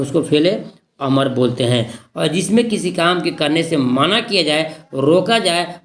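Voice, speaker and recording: A man with a Bihari Hindi accent teaches an exam-prep grammar lesson. His voice sits a little high, and he goes over each point more than once, quizzing his students as he goes. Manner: repetitive, quizzing students with questions.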